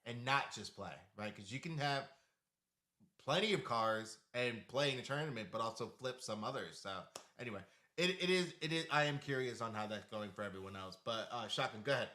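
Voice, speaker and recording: A man co-hosting a casual live stream, talking loosely with many fillers and restarts, and getting animated when he quotes others. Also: medium pitch, fairly quick. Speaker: co-host of a live crypto talk stream. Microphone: home desk mic with monitor.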